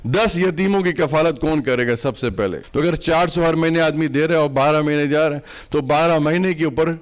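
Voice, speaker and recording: Guy hosting a charity night, fiery speech that swings from calm to shouting. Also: on the high side, normal speed, clear, resonant tone. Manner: builds to loud impassioned preaching peaks. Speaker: event host and charity speaker. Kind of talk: passionate fundraising speech.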